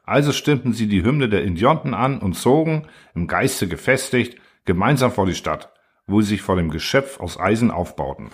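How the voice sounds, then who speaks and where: A man narrating an audiobook in a measured, steady storytelling manner. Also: on the low side, husky. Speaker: audiobook reader. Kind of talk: scripted narration.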